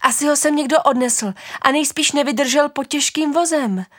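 Woman doing a high, loud little boy, eager and excited, storybook, dry sound. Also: no echo, close to an everyday voice. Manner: excited, breathless exclaiming. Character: small eager village boy. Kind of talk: storybook narration.

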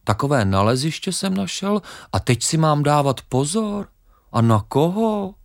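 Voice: mid-range voice, very animated, voice pushed up. A reader voicing a small, boastful male sparrow in a children's story, who chirps a nonsense refrain and repeats himself. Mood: puzzled.

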